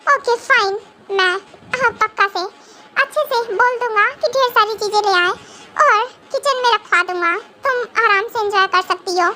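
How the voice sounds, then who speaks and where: A woman's voice: extremely high pitch, moderate pace, noisy background. Woman voicing a sulky young mafia husband. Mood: grumbling. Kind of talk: fan audio drama.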